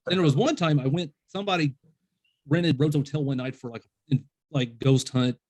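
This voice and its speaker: A man's voice: on the high side, normal speed, a little mellow. A man hosting a casual interview, rambling through stories and acting out what people said. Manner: rambling storyteller, acts out quoted voices. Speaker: podcast host.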